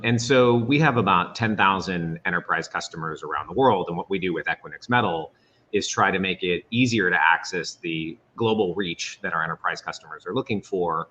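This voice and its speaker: A very deep-voiced man speaks as a panelist over a remote conference call that keeps breaking up. He explains things steadily and pauses on "um." The line sounds muffled, with a faint hiss behind him. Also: bright, forceful tone. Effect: breaking-up remote conference call audio. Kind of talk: panel discussion answer. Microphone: remote call microphone.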